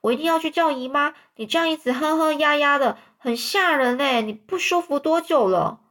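A woman voicing an anxious, excitable young boy in a storybook reading. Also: moderate pace. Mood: alarmed. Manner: urgent, fussing, high-pitched pleading.

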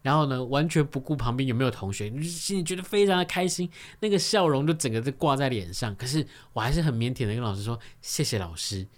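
Animated Taiwanese man telling a funny story. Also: mid-range voice, fast, hardly any pauses. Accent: Taiwanese Mandarin. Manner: animated, acts out voices and sound effects. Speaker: studio guest. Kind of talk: lively comic storytelling.

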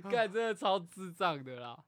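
A young man with a Taiwanese accent co-hosting a casual comedic podcast, telling stories excitedly and swearing freely. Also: high voice, no echo. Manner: animated storytelling, swearing, excitable. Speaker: podcast co-host.

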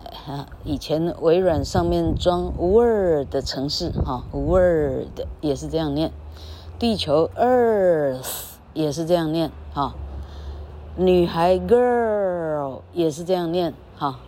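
Slow low-voiced Taiwanese woman teaching. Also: mellow, slight background noise. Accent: Taiwanese Mandarin. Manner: demonstrates vowel sounds, tags phrases with "ha". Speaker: English pronunciation teacher. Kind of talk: casual spoken lesson. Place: recording under an elevated railway bridge.

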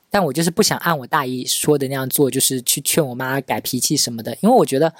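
Guy in his 30s chatting thru a family story on his podcast, talks quick, dry room. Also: medium pitch, dry recording. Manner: chatty, acts out relatives' quoted lines. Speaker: podcast host. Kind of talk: casual storytelling monologue.

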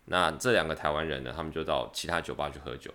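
A young man from Taiwan with a Taiwanese Mandarin accent, telling stories lively on a casual podcast and throwing in slangy curses. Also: a bass voice, fast. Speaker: podcast co-host. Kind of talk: casual chat, storytelling.

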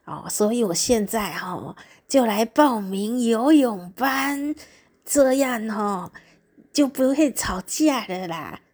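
A woman voicing an earnest, chatty elderly grandmother who drags out her words slowly. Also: on the high side, lively intonation, darkish tone, pitched above the performer's own voice. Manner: drawn-out, slow, with frequent drawled particles.

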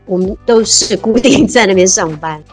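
A Taiwanese woman in her 50s, a civil servant, chats animatedly as a guest in a casual interview, laughing easily and using lots of fillers. Her voice is medium-pitched at a normal speed, with soft music in the background.

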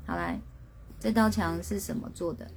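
A woman's voice: lowish voice, huge pitch swings, moderate pace, a little mellow, slight background noise. A woman, a spirit medium hosting a casual live stream, telling a story and reading out viewers' guesses with lots of laughter.

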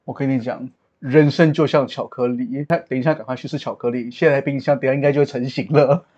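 Husky-voiced man teasing his friend. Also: medium pitch, fairly even intonation, a little mellow, muffled recording. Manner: teasing, quick banter. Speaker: podcast co-host and friend. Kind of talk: casual chat.

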